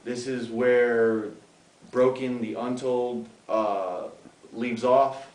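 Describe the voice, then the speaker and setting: A man's voice: medium pitch, fairly even intonation, very slow, darkish tone, echoey room, poor audio. A man in his thirties from the Bronx, a graffiti artist chatting in a casual interview, rambling with many fillers. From the Bronx, New York. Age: 30s. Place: outdoors.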